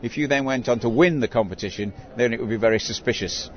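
A man's voice: mid-range voice, fast talker. Older man, dull noisy recording. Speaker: town crier. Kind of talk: conversational interview storytelling. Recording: dull recording with clear background noise.

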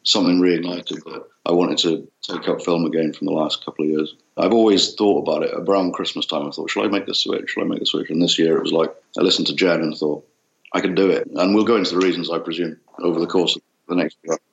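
A man from the UK, a wedding photographer guest with a deep bassy voice, hung over, chatting casually and laughing easily in an interview. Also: fairly even intonation, fast talker, creaky, reverberant, lo-fi sound. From United Kingdom.

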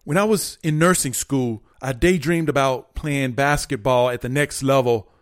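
A man's voice: medium pitch, moderate pace, no echo, studio quality. A man hosting a motivational podcast, talking earnestly and repeating key points like a preacher. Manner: earnest, repetitive, preachy, quotes definitions. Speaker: motivational podcast host and coach. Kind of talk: motivational monologue.

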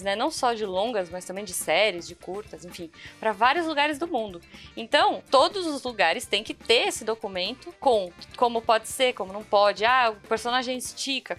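This podcast host is a woman with a Brazilian Portuguese accent and a fairly high, fairly bright voice. She explains things casually, chatting informally and speaking straight to her listeners over background music.

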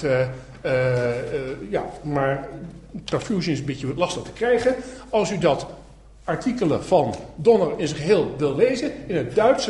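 A man giving a public lecture with slides, animated and sarcastic, acting out the people he quotes. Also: a little high. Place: lecture hall. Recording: echoey hall, faint noise.

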